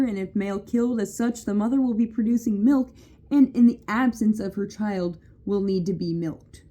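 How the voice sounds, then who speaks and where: Young woman, vlogger, casual reaction commentary, blunt, mocking asides, mellow voice. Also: mid-range voice.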